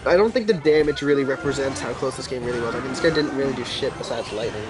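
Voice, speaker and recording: A man's voice: medium pitch, fast talker. A man casually commenting on his own gameplay during a live stream, laid-back and mumbling asides as he reacts to chat. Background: game music.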